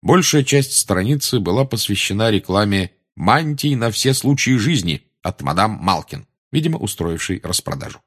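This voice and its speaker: Low husky guy reading a storybook aloud, lots of melody in his voice. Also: sing-song, moderate pace, few pauses. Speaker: audiobook reader.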